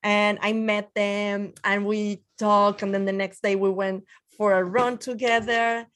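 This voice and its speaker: A woman's voice: medium pitch, little pitch movement, a little slow, fairly bright tone. Chatty woman in her thirties from Mexico. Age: 30s. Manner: chatty, many fillers and restarts. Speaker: guest marathon runner. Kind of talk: casual podcast interview.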